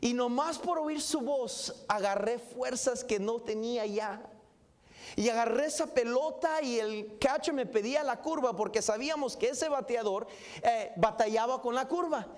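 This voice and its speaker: Pastor, man, very high voice, animated dramatic sermon storytelling. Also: moderate pace. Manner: animated, dramatic retelling with exclamations. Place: church sanctuary.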